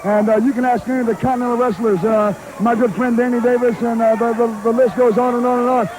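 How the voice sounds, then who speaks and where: Male colour commentator, very high pitch, colloquial wrestling talk. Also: little pitch movement, fast talker, poor audio.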